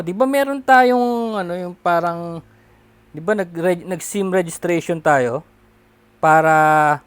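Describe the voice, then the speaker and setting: A man's voice: on the high side, a bit bright, no echo. A man from the Philippines, a vlogger, ranting casually and exasperatedly, with rhetorical tag questions. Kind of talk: casual rant to camera.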